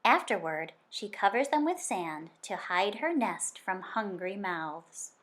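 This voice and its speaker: Reading a children's nonfiction picture book aloud, a woman with a medium-pitched voice sounds like a teacher, stretching key words and using expressive, deliberate storytelling phrasing.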